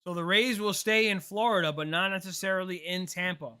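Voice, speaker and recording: Bright-voiced young man chatting on a live stream. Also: sits high, fairly quick, clear, resonant tone. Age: 20s. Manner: relaxed, chatty, answers chat questions, says "bro". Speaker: livestream host. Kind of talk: casual live-stream chat and game reactions.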